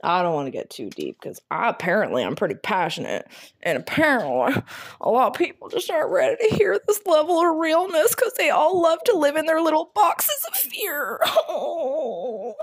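Young woman vlogger, high voice, rambling, profane, emotional self-talk. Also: sing-song, normal speed. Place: at home, lying on the floor.

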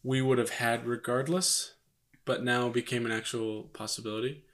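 A young man talks casually to the camera about expecting a baby, loose and joking, with plenty of "like" and "you know". His voice sits at an ordinary middle pitch for a man. He is speaking into a microphone. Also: normal speed. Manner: relaxed and joking, many fillers. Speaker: vlog co-host, expectant father. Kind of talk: casual couple chat to camera.

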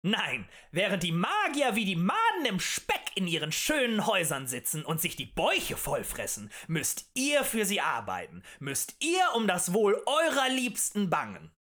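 A man voicing a fiery male demagogue who rants and shouts at a tavern crowd in an audiobook. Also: high voice, wildly swooping pitch, normal speed, hardly any pauses, pitched above the performer's own voice, full character voice. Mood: ranting. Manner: ranting, shouting, rhetorical and accusing.

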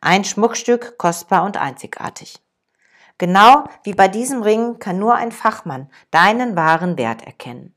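A woman reading the lines of a wise old male master in a calm, measured way. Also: on the low side.

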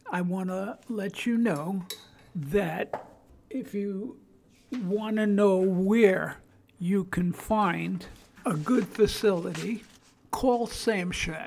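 An older woman with a Brooklyn accent and a husky, gravelly voice, hosting an informal solo podcast in a plain-spoken, halting, earnest way. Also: mid-range voice, darkish tone, a little hiss or hum. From Brooklyn, New York. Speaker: podcast host.

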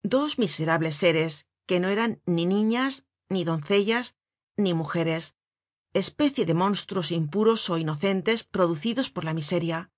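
A woman narrating an audiobook in a measured, deliberate reading voice. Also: on the low side, no room sound, clean studio sound. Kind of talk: scripted narration.

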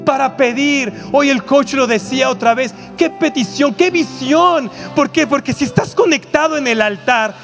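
Male preacher, Mexican accent, very high pitch, church auditorium, faint music. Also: gravelly. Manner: animated, rhetorical questions, quick asides to the crowd. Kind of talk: sermon.

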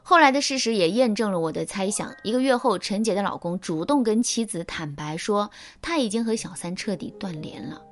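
A woman's voice: medium pitch, expressive, fairly quick, hardly any pauses. A woman hosting a relationship advice program, delivering scripted, persuasive narration. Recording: soft music behind.

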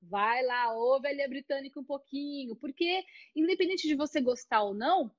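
A high-pitched woman hosts a casual chat, explaining things and reacting with quick encouragement. Her voice sounds dry and slightly dull, as if it came through a lo-fi recording. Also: dry recording.

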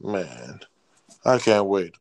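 A man co-hosting a casual gaming podcast, joking and sarcastic, quick to laugh. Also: deep voice, big pitch swings, vocal fry. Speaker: podcast co-host. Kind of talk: casual chat.

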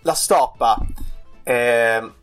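A man's voice: medium pitch, very slow, fairly bright tone, soft background music. A young man co-hosting a casual football chat, giving opinions in a slangy way. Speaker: football podcast co-host.

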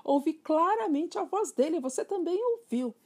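A woman voicing a frantic middle-aged mother who shrieks in a shrill voice. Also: animated, moderate pace, darkish tone. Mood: panicked.

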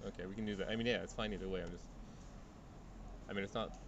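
A man's voice: low voice, steady tone, fast talker, highs cut off, over a noisy crowd. A man co-hosting a podcast in a casual chat, thoughtful and probing, asking many questions. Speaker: podcast co-host.

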